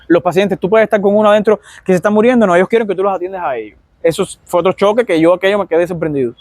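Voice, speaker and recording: A man's voice: high-pitched, racing, darkish tone, no echo. A man with a Cuban accent, a doctor from Cuba, telling stories in a casual vlog and acting out his patients' complaints.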